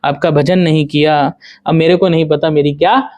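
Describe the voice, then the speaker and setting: A man giving a devotional lecture, asking rhetorical questions and chanting verses slowly. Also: on the high side, fairly even intonation, a little mellow. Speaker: spiritual teacher.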